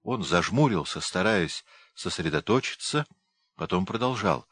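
A man narrating an audiobook in a calm, measured storytelling manner. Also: low voice, slightly rough.

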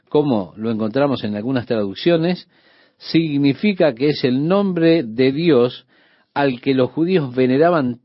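A man's voice: mid-range voice, dry recording, dull audio. A man teaching a Bible study on the radio, explaining steadily and speaking directly to the listener.

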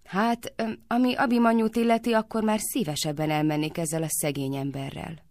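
A woman's voice: lowish voice, level tone, a little mellow, no echo, clean studio sound, lightly acted. Woman reading as a spirited wry young girl. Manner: wry, quick to retort. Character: spirited sweet young village girl Radhika.

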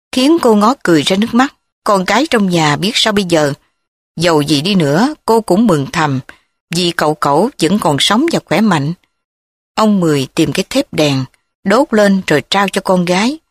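A woman reading a story as an audiobook, narrating in a steady storytelling manner. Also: fairly low pitch, dry recording. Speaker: audiobook reader. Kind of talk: scripted narration. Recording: dry close recording.

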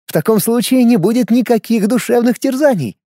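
A man voicing a sharp-tongued, self-assured older woman who talks down to a younger man in a knowing, lecturing way. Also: extremely high pitch, brisk, dry recording, clean studio sound, pitched above the performer's own voice. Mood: lecturing, breezy.

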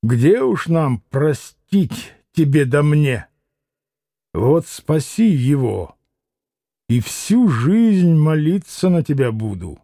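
A man voicing a bitter, venomous young woman who speaks slowly and poisonously, in an audiobook reading. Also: fairly high pitch, very animated, dark tone, no room sound, studio quality, full character voice.

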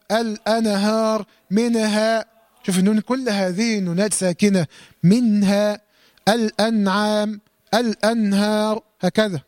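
A man with an Egyptian Arabic accent teaching Quran recitation to a class, quizzing them with questions and demonstrating words slowly. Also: high voice, a little mellow. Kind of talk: lesson to a class.

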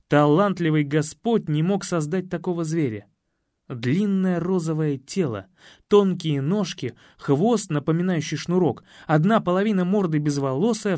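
A man narrating an audiobook in a lively, expressive reading. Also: fairly high pitch, no room sound, clean studio sound. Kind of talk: scripted narration.

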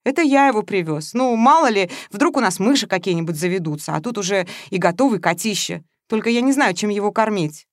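A woman's voice: medium pitch, animated, a little fast, hardly any pauses, no echo, studio quality, lightly acted. Woman doing a blunt, mocking businessman. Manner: mocking, brusque, colloquial. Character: blunt, talkative middle-aged businessman Matveev. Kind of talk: audiobook character voice.

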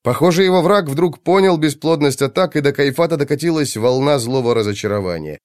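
A man's voice: on the high side, expressive, no echo, studio quality. Man reading a fantasy audiobook. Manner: dramatic, measured reading. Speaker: audiobook narrator. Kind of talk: scripted fantasy narration.

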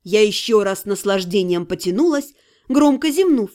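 A woman narrating a first-person fantasy novel as an audiobook, with an expressive, even reading. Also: mid-range voice, normal speed.

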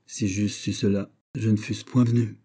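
A man voicing a shrewd, calm bishop who questions his host in a measured, quietly insistent way, in an audiobook reading. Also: lowish voice, breathy edge. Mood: probing. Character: calm, shrewd male bishop, smoothly probing.

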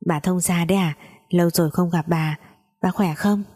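A woman voicing a scheming older mother-in-law who talks in a sweet, shrill, fawning way. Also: steady tone, normal speed, warm tone, lightly acted.

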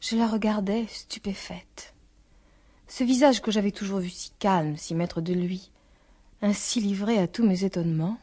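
Woman audiobook narrator, mid-pitched, measured literary reading. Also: warm tone.

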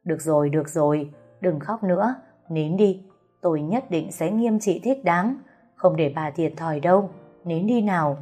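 Woman playing stern old father-in-law, commanding, low voice, audio story. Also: moderate pace, mellow, slightly rough, soft background music.

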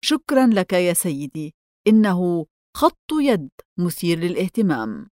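A woman's voice: lowish voice, very animated, moderate pace, a little mellow, no room sound, clean studio sound. A woman reading the lines of a polite, deferential male head clerk who studies handwriting, in a storybook. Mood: respectful. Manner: polite, respectful.

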